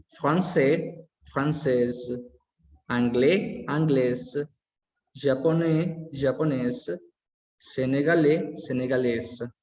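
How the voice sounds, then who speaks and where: A man teaching a language lesson, slowly repeating each word form aloud as he explains it. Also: medium pitch, darkish tone. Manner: slow, careful, repeats word forms aloud. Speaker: French teacher. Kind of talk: bilingual classroom lesson. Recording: echoey hall.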